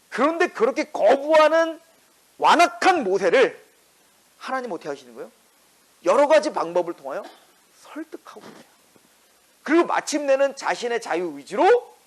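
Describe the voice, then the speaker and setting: A male pastor preaching a sermon in a lively way, firing rhetorical questions and acting out the quotes in his story. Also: sits high, rough recording.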